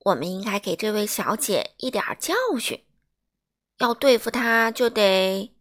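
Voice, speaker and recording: Storybook: woman doing a kindly, knowing doctor, calm and amused. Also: medium pitch, unhurried, natural voice.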